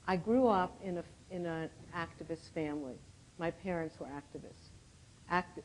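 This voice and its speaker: Woman in her 70s, low-ish voice, telling her life story to a room, clears her throat a lot. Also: darkish tone, a little hiss or hum, poor audio. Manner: reflective, clears her throat often, laughs at her own slips. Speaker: conference speaker. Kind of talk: personal storytelling talk. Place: conference room with audience.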